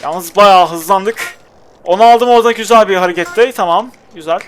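A man's voice: high voice, normal speed, fairly bright tone, a little hiss or hum. A young man giving casual, exasperated commentary while playing a video game and talking to his character. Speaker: gameplay commentator.

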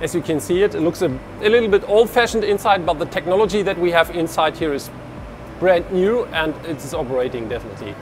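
A German researcher with a slightly high voice talks fast, music in the background, as he leads a walking tour of an indoor industrial hall. Speaking into a lapel mic, he explains with hand gestures and often restarts.

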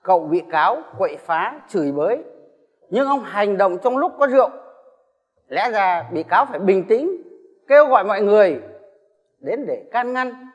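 An actor playing a judge who questions a defendant in formal, stern tones. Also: male voice, sits high, very animated, moderate pace, pauses often, in a large hall, muffled recording. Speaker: judge presiding at a trial. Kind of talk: dramatized courtroom questioning.

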